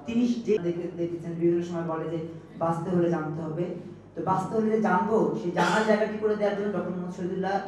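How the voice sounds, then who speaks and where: A man's voice: sits high, darkish tone. A man giving an emphatic, rhetorical formal speech as a youth representative at a memorial event. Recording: echoey hall, distant dull mic, faint noise.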